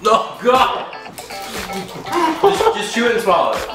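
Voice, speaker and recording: A man's voice: high-pitched, huge pitch swings, a little slow. A young man in casual challenge banter, talking with his mouth full of chocolate in a room. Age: young adult. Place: small room indoors on a couch. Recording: echoey room, distant camera mic. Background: music.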